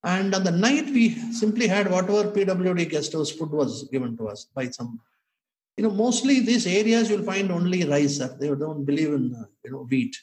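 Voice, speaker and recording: Homem indiano contando histórias, voz meio aguda. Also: male voice, sits high, moderate pace, poor audio. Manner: animated, emphatic, often says "sir" and "you know". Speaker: former bank inspector telling memories. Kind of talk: conversational storytelling.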